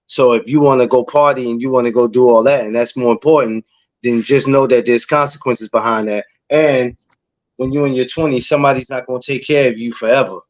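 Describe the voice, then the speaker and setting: A blunt man in his forties hosts a casual podcast. He talks in streetwise slang and lectures a little as he gives advice. His voice sits at an ordinary pitch. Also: fairly even intonation, brisk. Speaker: podcast host.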